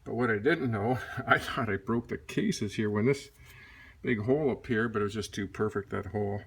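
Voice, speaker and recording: A man's voice: fairly low pitch, moderate pace, breathy edge. A man doing a casual workshop how-to, easygoing and thinking aloud with fillers, recorded on a propped-up phone in a home workshop. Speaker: hobbyist motorcycle restorer. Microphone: phone propped in a holder.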